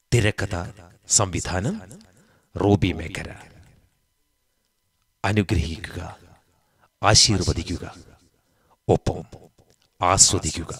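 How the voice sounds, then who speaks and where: A man reading scripted credits as the announcer in a formal, measured way. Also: deep voice, a bit bright.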